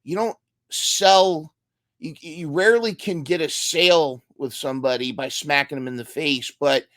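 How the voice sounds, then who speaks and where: A man's voice: fairly high pitch, normal speed, a bit bright, no room sound, clean studio sound. A man hosting a casual podcast interview, thinking aloud and often repeating and restarting his words. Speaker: podcast host.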